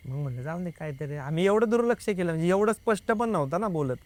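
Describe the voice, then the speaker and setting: A man's voice: high voice, quick pace, dry recording. A young man, a guest, telling a personal experience in casual conversation, acting out the dialogue and often adding "I said". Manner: lively, re-enacts dialogue with many "I said" tags. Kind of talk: casual spoken storytelling.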